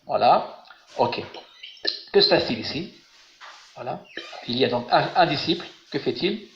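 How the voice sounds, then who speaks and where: A man's voice: mid-range voice, animated, moderate pace, echoey room, lo-fi sound, slight background noise. A man teaching a biblical Hebrew grammar lesson online, patient and encouraging, asking his students questions. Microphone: webinar call audio.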